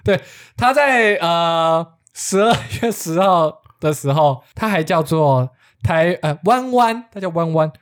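A man with a Taiwanese accent and a slightly high voice hosts a podcast. He explains things conversationally, in an easygoing and jokey manner. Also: lively intonation, measured pace, few pauses. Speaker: podcast host.

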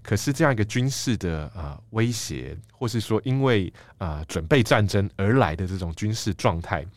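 A middle-aged man with a Taiwanese Mandarin accent, speaking as an interview guest. He explains things in a measured, thoughtful way and often fills pauses with "ah". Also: fairly low pitch, animated, no room sound. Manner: measured, thoughtful, frequent "ah" fillers. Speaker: guest, book editor-in-chief.

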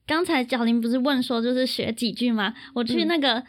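A woman with a Taiwanese Mandarin accent co-hosting a podcast, telling travel stories in a casual, animated way and laughing often. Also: a little high, fairly quick. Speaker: podcast co-host. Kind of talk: casual chat.

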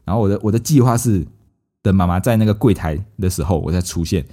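A man's voice: low voice, fast. A man, telling a story casually as a podcast host and acting out his family's lines. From Malaysia. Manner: lively anecdote-telling, acts out quoted family members.

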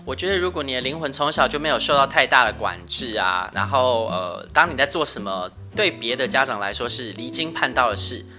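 A male podcast host with a soft, thin voice, chatting casually and laughing often with light self-mockery. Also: medium pitch, a little fast, few pauses, faint music behind. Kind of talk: casual family chat.

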